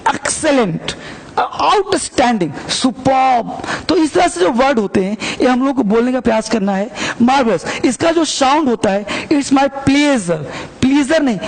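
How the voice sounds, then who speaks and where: A man's voice: very high voice, vocal fry. A man teaching spoken English phrases in a lesson, explaining patiently and repeating key phrases for practice. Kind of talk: Hindi-language English lesson.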